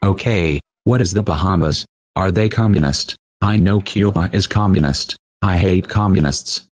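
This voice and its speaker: A man making a prank call through a disguised, deepened anonymous voice, deadpan with short answers and absurd questions. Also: normal speed, dry recording. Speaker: prank caller.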